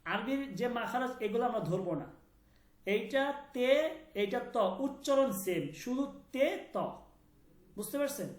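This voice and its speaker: Slow, patient male language teacher. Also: extremely high pitch, expressive. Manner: patient, drills sounds by repeating them and keeps checking understanding. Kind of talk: online language class. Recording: roomy echo.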